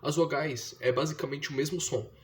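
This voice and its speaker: A man's voice: fairly high pitch, steady tone, normal speed. A young man from Brazil, talking casually and explaining step by step, with slangy fillers. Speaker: vlogger teaching his younger sister to read. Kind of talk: casual slangy monologue to camera.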